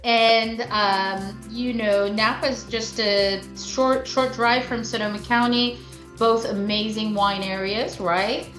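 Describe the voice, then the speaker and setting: Bubbly higher-voiced woman host, echoey. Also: fairly even intonation, slow, a bit bright, faint music behind. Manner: bubbly, enthusiastic, chatty with fillers. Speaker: sommelier host. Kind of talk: casual interview chat.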